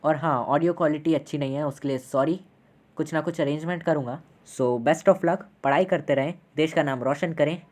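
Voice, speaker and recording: A man's voice: on the high side, steady tone, moderate pace, darkish tone. A man teaching an online class lecture in a casual, chatty way, constantly checking in with his students.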